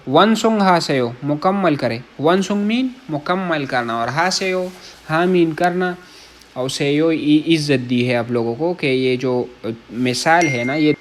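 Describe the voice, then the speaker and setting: A man from Pakistan, his voice a little high, walks listeners through Korean vocabulary in a laid-back classroom manner. He says and repeats every word, translates it into Urdu, and frequently checks that people are following along.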